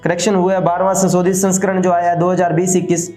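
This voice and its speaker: A man's voice: sits high, flat delivery, fast, darkish tone, echoey room, faint music behind. A male teacher giving an exam-prep lecture in a chatty way, asking rhetorical questions and mimicking students.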